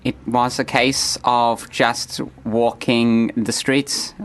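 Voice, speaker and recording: Hesitant deadpan male comedy guest. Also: medium pitch, slow pace, clean tone. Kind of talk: deadpan character comedy interview.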